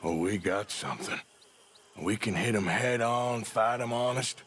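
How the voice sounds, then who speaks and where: An actor playing a rugged, wry American outlaw in a Western game, with a gravelly, dry drawl. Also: male voice, fairly low pitch, unhurried, a bit bright. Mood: calculating. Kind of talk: video game voice acting.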